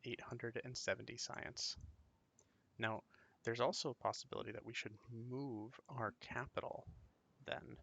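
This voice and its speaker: A man's voice: mid-range voice, fairly even intonation, unhurried, creaky, bright, forceful tone, husky. A man giving casual gameplay commentary on a strategy game, thinking aloud and musing to himself as he plays. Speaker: gaming video creator playing a strategy game.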